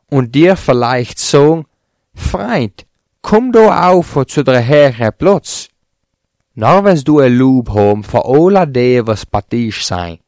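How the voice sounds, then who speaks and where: Man, scripture reading, steady plain delivery, mid-pitched voice, dry close sound. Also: no room sound. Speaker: scripture reader. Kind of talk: reading a Bible chapter aloud.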